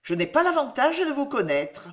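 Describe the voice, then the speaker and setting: A woman's voice: high-pitched, sing-song, normal speed. A woman voicing a polite, composed chaperone who answers with courteous reserve. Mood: guarded. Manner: courteous, guarded.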